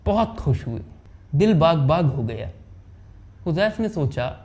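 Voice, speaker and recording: Mellow man telling a dramatic story. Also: very animated, unhurried. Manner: dramatic, voices quoted characters with pitch swings. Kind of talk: anecdote narration with acted dialogue.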